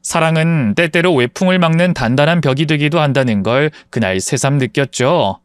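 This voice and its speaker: A man reading a first-person family drama story in an expressive, dramatic narration. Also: fairly high pitch, moderate pace, clear, resonant tone, no room sound.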